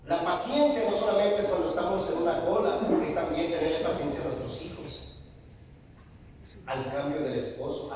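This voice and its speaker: Preaching man in an echoey hall. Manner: animated, addresses congregation as brothers, rising emphatic pitch. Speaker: pastor and psychologist. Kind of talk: sermon. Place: church hall. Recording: echoey hall, voice from far off, faint room noise.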